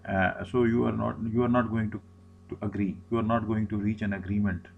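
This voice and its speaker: An Urdu-speaking man delivers a recorded lecture in a low-ish, steady voice with vocal fry, talking fairly quickly and often repeating himself, restarting phrases and using fillers. The sound is phone quality with a little hiss or hum.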